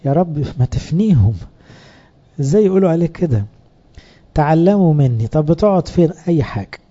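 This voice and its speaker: A man's voice: on the high side, animated, brisk, mellow, highs cut off. A man with an Egyptian Arabic accent giving a sermon to fellow priests, talking in a conversational way and asking rhetorical questions. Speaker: priest teaching other priests.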